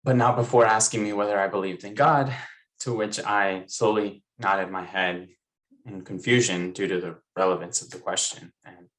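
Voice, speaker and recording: Over a video call, a young American man raised in Maryland first joins an online panel and then reads a book excerpt aloud with earnest care. His voice sits low but is a bit bright, and the audio quality is poor.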